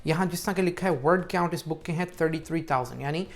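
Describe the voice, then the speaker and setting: A man's voice: fairly high pitch, fast talker. A man hosting a casual screen-walkthrough tutorial, chatty and encouraging as he talks straight to the viewer. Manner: chatty and pep-talking, addresses viewer as brother. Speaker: YouTube tutorial host.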